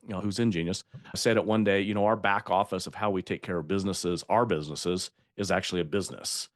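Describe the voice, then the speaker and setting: An older man with a low voice tells stories in a lively, emphatic way and laughs at his own slips. The sound is close and dry, with hardly any room around him. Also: no room sound. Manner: storytelling, emphatic, laughs at himself. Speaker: podcast guest. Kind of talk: conversational interview.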